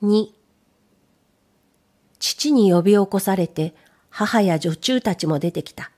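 A woman narrates a period tale in a calm, measured voice. Her tone is mellow and dark rather than bright, and her pitch sits in the middle range. She drops softer at the tense moments. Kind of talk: scripted narration of a period story.

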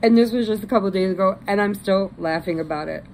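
A woman's voice: medium pitch, quick pace, darkish tone, slight background noise, low-quality recording. A woman with an American Midwestern accent chatting casually, telling stories and showing yarn in a crochet vlog. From Illinois, United States. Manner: chatty, laughs through her stories. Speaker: crochet vlogger. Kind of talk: casual storytelling and yarn haul.

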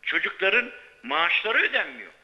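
A man's voice: high-pitched, sing-song, unhurried, creaky, pushed and bright. A man speaking as a sports writer calling in to a live show by telephone, arguing insistently like a radio show caller and repeating his points for emphasis. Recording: muffled, band-limited live telephone line.

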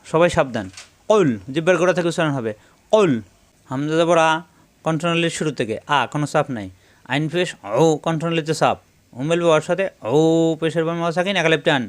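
A man with a slightly high voice teaches recitation step by step. He spells out letters slowly, then chants the verses in long, drawn-out tones.

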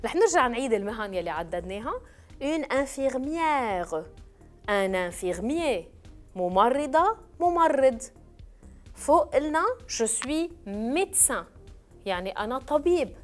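A woman teaching French words in a televised lesson, stretching out each word and spelling it slowly for her pupils. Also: high-pitched, big pitch swings, faint music behind. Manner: slow, clearly spelled-out drilling of words.

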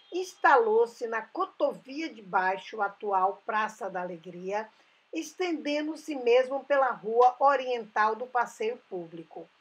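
A woman narrates a travel video voice-over. She speaks slowly and carefully, walking through dates and history with small restarts. Her voice sits a little high and has a breathy, husky edge. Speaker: travel channel host.

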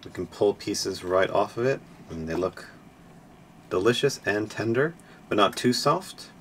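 A man in his thirties with a lowish voice talks casually to his camera from a small boat cabin, relaxed and chatty, laughing lightly now and then. There is a faint hum of background noise behind him. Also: unhurried. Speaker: sailing vlogger. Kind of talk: casual vlog narration.

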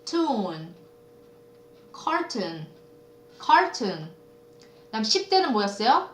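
A woman's voice: on the high side, sing-song, unhurried, pushed and bright, recorded from a distance. A woman teaching a vocabulary lesson, repeating each word in drills and explaining how to pronounce it. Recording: echoey room, off-mic.

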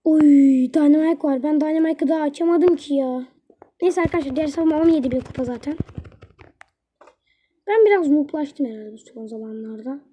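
Excitable high-voiced young woman gamer. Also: fairly quick, a little hiss or hum. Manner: excitable, talks to the game characters. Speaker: gaming channel host. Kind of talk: live gameplay commentary.

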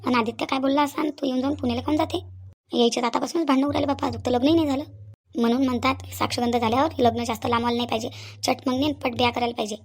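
A worried elder sister, voiced by a woman, talks to herself very fast in a high voice with a Vidarbha Marathi accent. She frets and repeats her thoughts. A cartoon role. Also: fairly even intonation. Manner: fretful, thinking aloud, repeats herself. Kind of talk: cartoon voice acting.

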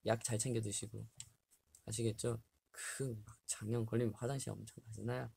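With a dark, level, medium-pitched voice and some vocal fry, this twentysomething livestream host talks briskly. He chats casually with fans in a small bare room, reads out health tips and laughs a lot. A webcam at desk distance captures him with slight hiss or hum.

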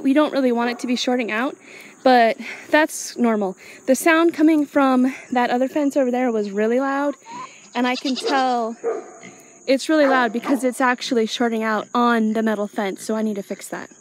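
Speaking at a moderate pace in a voice that sits high, a small-farm owner casually walks through her chores on an unscripted vlog, thinking aloud as she goes. The outdoor recording picks up insects and animals.

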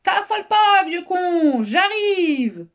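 A woman voicing a cheeky boy who shouts loudly and brashly in a read-aloud story. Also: very high-pitched, very animated, slow pace, pitched above the performer's own voice, full character voice. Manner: loud, brash. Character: boy shouting rudely and boldly.

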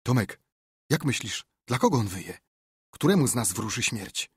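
A man doing hushed, superstitious boy Huck. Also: mid-range voice, very animated, normal speed, breathy edge, no room sound, studio quality. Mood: fearful whisper. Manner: hushed, fearful whispering.

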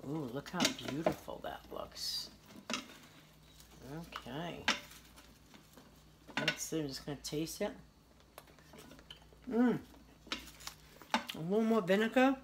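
Preparing and tasting a salad in her kitchen, a woman in her forties hosts a casual home cooking video, chatty and homey and praising the food as she goes. Her voice sits low with lively intonation, slow and full of pauses. The arm's-length counter camera picks up a noisy background.

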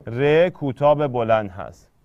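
Male teacher, exam prep poetry lesson, explanatory, smooth voice, dry slightly muffled sound. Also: mid-range voice, lively intonation, no room sound. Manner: explanatory, stretches syllables when scanning verse.

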